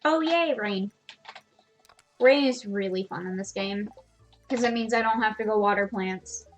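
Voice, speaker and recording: A woman's voice: medium pitch, a little slow, faint music behind. A woman streamer giving casual, self-deprecating commentary while playing a farming game. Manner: chatty, self-deprecating, laughs at herself.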